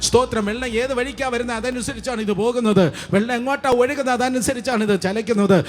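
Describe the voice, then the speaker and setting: High-voiced man preaching a repetitive sermon. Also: fairly even intonation, quick pace. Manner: repetitive, rising to loud declarations then dropping low.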